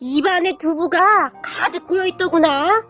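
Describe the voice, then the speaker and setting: A woman doing a slow offhand old father-in-law. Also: extremely high pitch, fairly bright tone, faint music behind. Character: older father-in-law, calm and amused.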